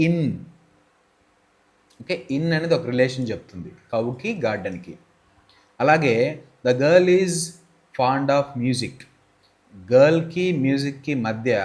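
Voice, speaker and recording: Male English teacher, Telugu accent, mid-pitched voice, patient step-by-step explainer who reads examples slowly. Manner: explains step by step, often asks and answers his own questions. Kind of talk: grammar lesson.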